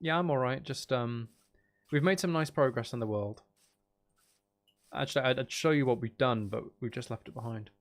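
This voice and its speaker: Chatting with viewers during a livestream, this man gives loose, rambling gameplay commentary and thinks aloud as he plays. His voice sits in the mid range and moves at a normal speed.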